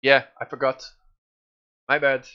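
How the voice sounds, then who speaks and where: A man with a Brazilian Portuguese accent streams games, chatting casually and excitedly with viewers and swearing freely. His voice is medium-pitched and a little slow, and the audio sounds dull.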